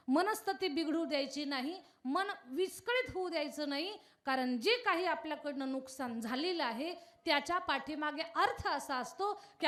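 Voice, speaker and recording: A woman preaching a devotional kirtan sermon, telling a story and putting questions straight to her audience in an animated way. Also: sits high.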